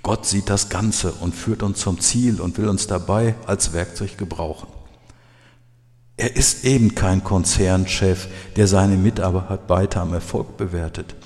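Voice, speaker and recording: A man's voice: low voice, measured pace, darkish tone. A man preaching a sermon as a church leader, earnest and building to emphatic peaks. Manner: earnest, rising to emphatic outbursts. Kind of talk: sermon with Bible readings. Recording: long hall reverb, faint background music.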